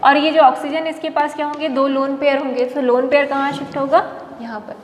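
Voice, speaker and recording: High-voiced woman teaching in a hall. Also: flat delivery, brisk. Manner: explains step by step, asks questions and answers them herself. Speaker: chemistry teacher. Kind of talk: classroom lecture. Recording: long reverb, faint background noise.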